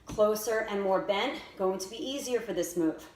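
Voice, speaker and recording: A woman's voice: mid-range voice, normal speed, darkish tone. A woman fitness instructor giving directive, step-by-step workout instruction and exercise cues. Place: indoors by a staircase. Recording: echoey room with faint noise.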